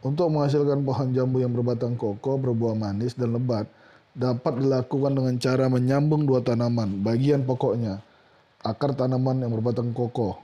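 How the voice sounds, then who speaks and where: Man calmly explaining exam answers. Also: mid-range voice. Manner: reads questions and answers in a steady, plain lecturing tone with occasional fillers. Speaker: teacher.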